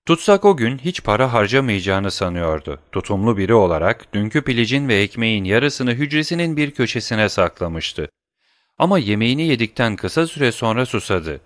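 A man reading an audiobook chapter in expressive storytelling narration. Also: lowish voice, no echo, studio quality. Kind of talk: scripted narration.

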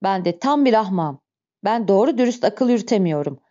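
Reading an audiobook in her own voice, a woman plays a sly male innkeeper who pretends to have fond, earnest feelings, sounding smooth and falsely earnest. Her voice is medium-pitched, warm, a little fast, and lightly acted, with lively intonation. The recording is dull and lo-fi.

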